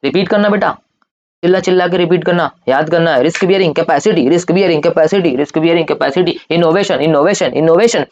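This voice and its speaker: A young man teaching an exam coaching lecture, drilling points by loud repetition in a coaxing, informal way, his throat strained from shouting. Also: fairly high pitch, quick pace, lo-fi sound. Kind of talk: Hindi-English coaching lecture.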